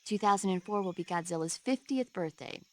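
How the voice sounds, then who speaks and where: An actress playing a friendly, chatty support medic who explains things eagerly in a video game. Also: female voice, medium pitch, fairly quick, close to an everyday voice. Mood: cheerful, encouraging. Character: friendly, eager female radio support medic, movie buff.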